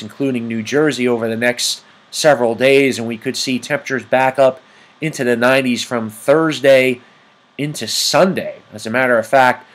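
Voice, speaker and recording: Man giving a halting weather briefing. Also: mid-range voice. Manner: hesitant, halting delivery with frequent ums. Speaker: amateur weather report host. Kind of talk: informal weather briefing over screen maps.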